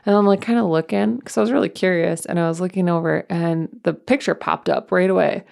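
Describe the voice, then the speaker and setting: Chatty creaky-voiced woman co-host. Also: fairly low pitch, steady tone, fairly quick, a little mellow. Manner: rambling, chatty, many fillers. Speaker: podcast co-host, mother. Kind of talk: casual chat.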